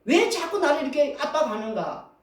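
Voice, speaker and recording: A man's voice: very high-pitched, sing-song, fairly quick, far from the mic. A male pastor preaching a Sunday sermon in a conversational style, full of rhetorical questions. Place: church sanctuary. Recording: roomy sound from off the mic.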